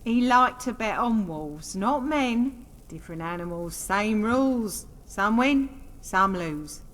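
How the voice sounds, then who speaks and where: A woman's voice: mid-range voice, lively intonation, slow pace, a bit bright. A woman playing a shrewd, plainspoken bookmaker at a fight pit in a fantasy video game. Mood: wry, worldly. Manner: folksy, plainspoken. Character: brisk shrewd female fight-pit bookmaker, daughter of a gambler. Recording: hall reverb, faint noise.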